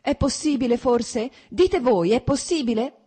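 A woman playing an outraged betrayed wife, shrill and bitter. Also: animated, moderate pace, darkish tone, husky. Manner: shrill, bitter, pleading outbursts. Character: wounded betrayed wife, proud and furious.

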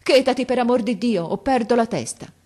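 A woman's voice: low-pitched, level tone, normal speed, darkish tone, close to an everyday voice. A woman doing a desperate grieving mason father. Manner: pleading, anguished outbursts.

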